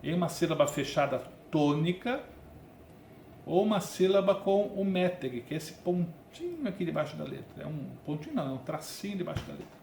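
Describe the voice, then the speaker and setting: A man's voice: a little high, big pitch swings, fairly quick, gravelly, darkish tone, slight background noise. A man with a Brazilian Portuguese accent teaching a Biblical Hebrew grammar lesson in a conversational, explanatory way, often checking in with his listeners. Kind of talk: recorded online lesson. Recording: echoey room with faint ambience.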